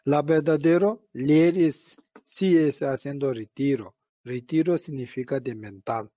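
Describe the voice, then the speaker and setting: A man, not a native Spanish speaker, with a foreign accent, leading guided meditation as a teacher in halting, broken phrasing. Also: mid-range voice, warm tone, no echo, highs cut off. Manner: halting, broken grammar, often tags phrases with a questioning "no?".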